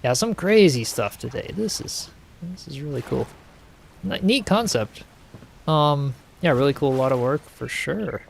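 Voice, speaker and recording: A man's voice: fairly high pitch, lively intonation, measured pace, creaky, slight background noise. A man streaming a game live, chatting in an upbeat way with plenty of laughs and filler words. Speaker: game streamer reacting to builds. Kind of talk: casual live-stream commentary.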